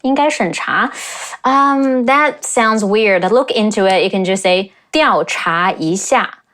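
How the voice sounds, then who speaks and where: A young woman from China hosting a reaction video, explaining and slowly demonstrating pronunciation and tones. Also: medium pitch, expressive, a bit bright. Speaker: host and language teacher.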